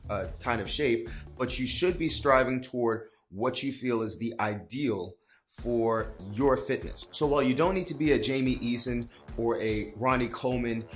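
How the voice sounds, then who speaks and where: A man, a personal trainer, speaking to camera in an earnest, direct coaching manner in an advice vlog. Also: medium pitch.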